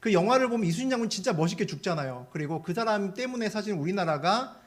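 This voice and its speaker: A man preaching a sermon as pastor, telling stories with lively energy and putting questions to the congregation. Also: high voice, fast talker. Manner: animated storytelling, asks the congregation questions.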